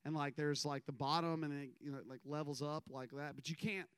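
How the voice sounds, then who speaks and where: A man's voice: on the high side, steady tone, brisk, fairly bright tone, smooth, no room sound. A man, giving a casual, rambling sermon full of stories and self-deprecating asides. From American South. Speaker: minister.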